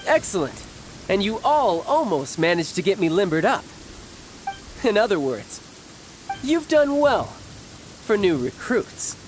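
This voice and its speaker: An actor playing a cocky, cheerful young warrior officer in an anime-style video game, speaking with playful, theatrical confidence. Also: male voice, high-pitched, very animated, unhurried, pauses often, noisy background. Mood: commanding, pleased.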